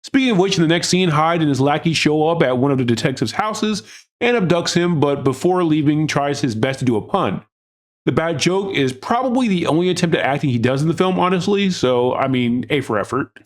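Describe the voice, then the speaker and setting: A man's voice: a little high, animated, brisk. A man hosting a film recap, narrating scripted comedic review with sarcastic, mocking asides. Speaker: host of a film recap show.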